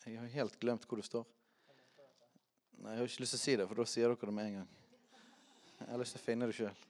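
A man preaching a charismatic sermon, chatty and self-correcting, who shouts out scripture. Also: mid-range voice, little pitch movement.

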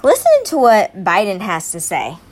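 A young woman talks straight to her viewers, breaking down the news in her own casual words. She gets heated and emphatic, stumbling and repeating herself as she works herself up. Her voice sits at an ordinary middle pitch. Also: wildly swooping pitch, normal speed, slight background noise. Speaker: political commentary vlogger. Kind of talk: casual opinion commentary.

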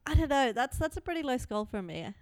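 A woman's voice: high voice, very animated, fast talker, no room sound. Giggly Australian woman co-host. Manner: giggly, teasing. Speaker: podcast co-host. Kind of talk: casual chat.

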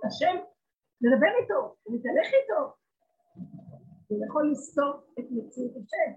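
A woman giving an impassioned religious talk, swinging from loud pleading to hushed speech. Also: sits high, sing-song, highs cut off.

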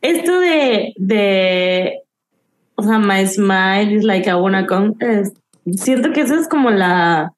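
A woman's voice: mid-range voice, expressive, slow pace. A Mexican woman co-hosting a casual podcast chat about song lyrics, slangy and mixing English words into her Spanish. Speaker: podcast co-host.

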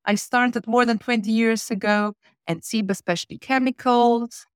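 A guest on a podcast, a change and communication manager from Switzerland and southern Italy whose first language is Italian, explains things steadily with frequent "uh" pauses. Her voice is a little high with a clean tone. The sound is dry and close, with no echo.

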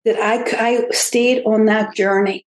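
A woman with an Irish accent, a podcast guest talking in an earnest, halting way with frequent restarts. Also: fairly high pitch, steady tone. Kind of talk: reflective interview talk. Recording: roomy echo.

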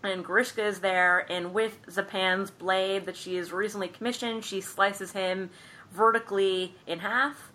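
A woman with a bright, clear voice tells a film's story in a relaxed, chatty way. She slips into quick little impressions of the characters and laughs as she goes. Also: medium pitch, a little hiss or hum. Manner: animated storyteller, acts out characters' lines, laughs often. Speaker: podcast co-host recapping a film. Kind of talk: casual chat.

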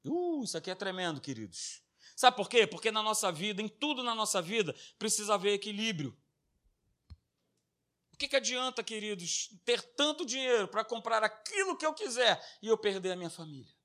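A man's voice: high-pitched, very animated, fairly quick, sharp tone. A man, a pastor preaching a sermon with passion and talking directly to his congregation. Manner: impassioned, addresses the congregation as "dear ones".

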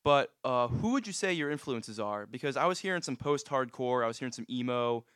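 A man of twenty-one hosting a casual interview at a music venue, asking relaxed questions with plenty of fillers. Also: medium pitch, brisk, smooth, no echo, clean studio sound. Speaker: interview host. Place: music venue after a live set.

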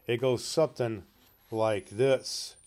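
A folksy, chatty man reading a classic story aloud as Santa Claus. He talks casually, pauses with fillers, and shifts into joke-telling. The pitch is average for a man. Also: fairly even intonation, a little mellow.

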